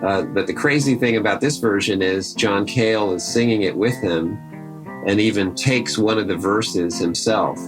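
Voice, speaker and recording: A man hosting a podcast, telling the story behind old recordings in a relaxed, conversational and enthusiastic way. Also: on the low side, moderate pace, music in the background, rough recording. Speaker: podcast host. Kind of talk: casual storytelling commentary.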